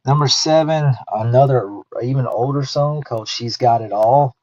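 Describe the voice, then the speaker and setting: This thirties-aged man hosts a casual podcast, his mid-range voice carrying a darkish tone at a moderate pace. He's chatty and relaxed, working through thoughts out loud and fixing his own wording. Audio quality is dull and lo-fi.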